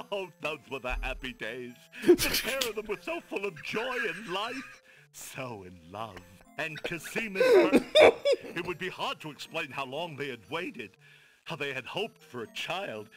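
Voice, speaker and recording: An actor playing a silly, theatrical royal court clown in an adventure game, talkative, worried and wistful. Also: male voice, fairly high pitch, huge pitch swings, normal speed, over music, poor audio. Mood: fond, nostalgic. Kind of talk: character voice acting in an adventure game.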